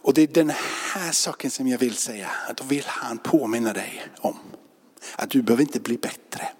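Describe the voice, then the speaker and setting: A man's voice: mid-range voice, darkish tone, breathy edge. Man preaching casually in a church hall. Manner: informal, conversational preaching with fillers and repeats. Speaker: pastor. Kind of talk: sermon. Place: church sanctuary.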